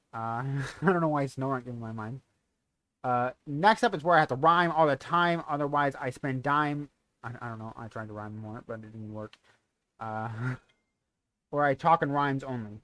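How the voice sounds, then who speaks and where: A man's voice: fairly high pitch, a bit bright, no room sound. A young man, a streamer, casually running through his donation tiers and schedule, rambling and correcting himself as he goes.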